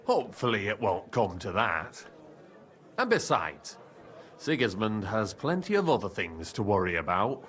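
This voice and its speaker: Plotting medieval guild boss; low, steady, assured. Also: male voice, full character voice. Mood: calm. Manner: measured, confident. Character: scheming male guild leader, calm and assured. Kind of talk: video game dialogue.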